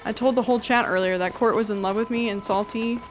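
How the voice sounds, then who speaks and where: A woman's voice: on the high side, fairly even intonation, fast, faint music behind. A woman live streamer chatting casually and jokingly with her chat while she plays a video game, swearing freely.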